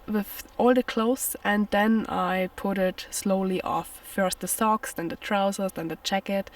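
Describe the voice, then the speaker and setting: A woman's voice: medium pitch, distant mic. A woman who is a non-native English speaker, talking casually and hesitantly to camera as a solo camper out in a forest storm at night. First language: not English. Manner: hesitant, simply worded explaining. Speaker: solo camping vlogger.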